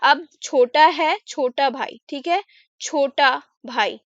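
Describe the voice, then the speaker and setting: A woman teaching English words in Hindi, explaining slowly and often checking in with the listener. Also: sits high, dry recording, highs cut off. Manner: repeats "ठीक है" often, slow careful explaining.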